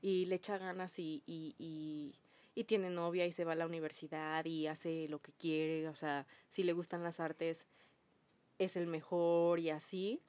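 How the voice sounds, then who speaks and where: A woman with a Mexican accent co-hosting a podcast, chatting in a slangy, animated and emphatic way. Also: sits low, a little slow, no room sound. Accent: Mexican Spanish. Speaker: podcast co-host. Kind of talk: casual chat.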